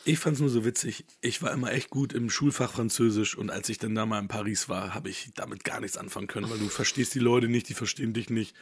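A man co-hosting a podcast, telling stories in casual chat and doing quick put-on voices, a bit under the weather. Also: on the low side, breathy edge. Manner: animated storytelling with put-on voices. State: coughing, unwell. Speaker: podcast co-host.

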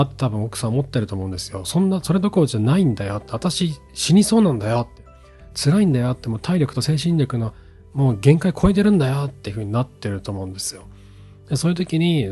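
A man in his thirties hosting an advice show, reading a listener's letter and answering in a relaxed, conversational way with many fillers. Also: medium pitch, slightly rough. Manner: conversational, frequent fillers, acts out quotes. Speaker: podcast host answering listener questions. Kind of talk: advice talk.

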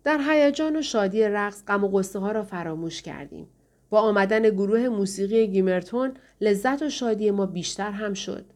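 Voicing the characters one after another, a woman narrates an audiobook from a script. Her pitch is medium and her storytelling stays steady throughout.

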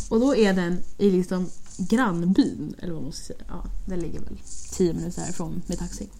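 A woman's voice: on the low side, vocal fry, slight background noise. A young woman casually telling a story, acting out what she and her friends said. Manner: animated, quotes herself and friends with "jag bara".

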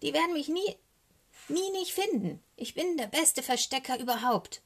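A woman voicing a cheeky little boy raven in a storybook reading, high and excitable. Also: normal speed. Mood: boastful. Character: cheeky small boy raven, bold yet easily scared.

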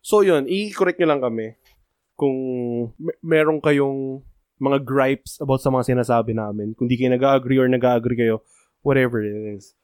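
A man's voice: medium pitch, moderate pace, a little mellow, no echo, clean studio sound. A young man co-hosting a podcast, joking around and speaking straight to listeners in a mix of Tagalog and English. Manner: joking and playful, addresses listeners directly. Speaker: podcast co-host. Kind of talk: casual chat mixing Tagalog and English.

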